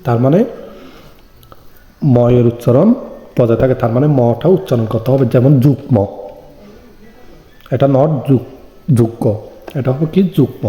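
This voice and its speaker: A man's voice: mid-range voice, moderate pace, long pauses, warm tone. A man teaching an online exam-prep lesson, explaining step by step and answering his own questions. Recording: echoey room with long reverb.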